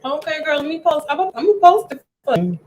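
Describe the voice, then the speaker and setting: A woman's voice: sits high, very animated, brisk, background noise. A woman hosting a casual home cooking show, chatting eagerly with her viewers as friends while she eats with her mouth full. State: eating, talking with mouth full.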